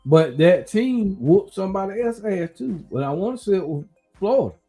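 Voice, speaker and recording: A man hosting a casual podcast chat, rambling and thinking out loud as he talks. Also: high voice, moderate pace, soft background music. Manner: relaxed, rambling, talks through his uncertainty. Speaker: podcast host.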